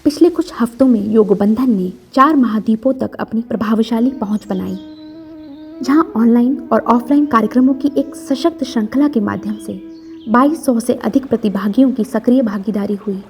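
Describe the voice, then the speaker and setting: A woman giving formal, measured scripted narration for a government podcast. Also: on the high side, darkish tone, faint music behind.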